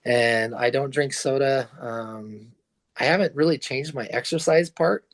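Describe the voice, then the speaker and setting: Man, guest, video call, easygoing, rambling, mid pitch. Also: measured pace. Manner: easygoing, rambling with fillers and restarts. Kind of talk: casual chat on a video call.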